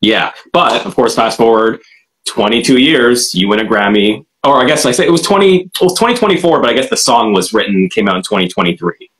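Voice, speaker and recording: A man's voice: mid-range voice, lively intonation, fairly quick, fairly bright tone, rough recording. A man hosting an interview, asking polite, hesitant questions with many fillers. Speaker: podcast host, interviewer. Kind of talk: casual interview conversation.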